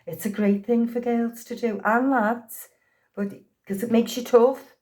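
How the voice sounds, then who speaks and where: Being interviewed in a casual, story-filled chat, a Liverpool-born actress in her sixties laughs a lot as she recounts anecdotes in her Liverpool accent. Her voice is a little high and darkish, with fairly even intonation and a slightly slow delivery.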